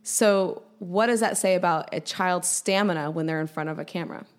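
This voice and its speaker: A woman educator, a guest on a podcast interview, explaining with energetic, animated storytelling. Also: fairly low pitch, brisk, clean tone.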